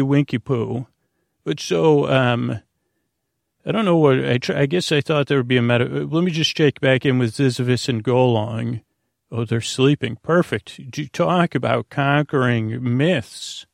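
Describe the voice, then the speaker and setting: This medium-pitched man hosts a bedtime sleep podcast, his creaky voice edged with fry. Recorded close and dry with no echo, he rambles hesitantly, stammering and trailing off into tangents.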